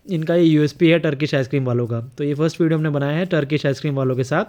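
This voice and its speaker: A man's voice: on the high side, a little mellow. A man narrating a home video in casual voice-over, chuckling often as he comments. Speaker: vlogger narrating a family video.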